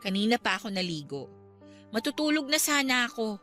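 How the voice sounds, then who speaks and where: With a Filipino accent, an actress plays a young girlfriend in a Tagalog radio drama, worried yet firm, emotional and protective as she scolds with concern. Her voice sits on the high side, swinging widely in pitch, fairly quick, pushed and bright. Dramatic music plays underneath.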